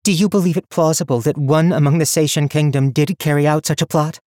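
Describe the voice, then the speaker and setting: A man's voice: fairly high pitch, fairly even intonation, fairly quick, darkish tone, no echo, clean studio sound, pitched above the performer's own voice, lightly acted. A man voicing a grave, angry young woman. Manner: grave, commanding questioning. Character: young woman overlord, grave and hidden anger.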